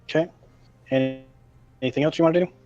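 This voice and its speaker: A man narrating as game master of a tabletop game, slow and halting with fillers. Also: fairly high pitch, steady tone, warm tone, dry recording, faint music behind. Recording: dull lo-fi sound.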